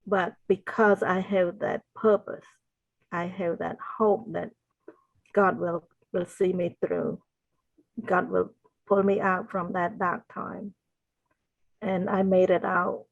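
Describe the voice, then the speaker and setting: Slow, earnest older woman from Cambodia. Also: lowish voice, flat delivery, vocal fry, no room sound, highs cut off. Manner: slow, earnest, faith-filled storytelling. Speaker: podcast guest, wellness consultant. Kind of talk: interview answers, personal testimony.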